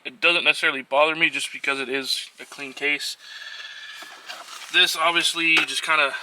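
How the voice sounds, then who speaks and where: A man with a mid-range voice talks over some background noise while working through a hands-on installation. He's a vlogger and trucker showing a DIY install, chatting to viewers in a casual how-to style and thinking aloud as he goes.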